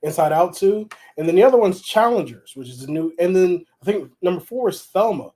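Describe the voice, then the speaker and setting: Mellow, rambling male co-host. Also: high voice, fairly quick. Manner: relaxed, rambling, restarts sentences. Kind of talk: casual live-stream chat.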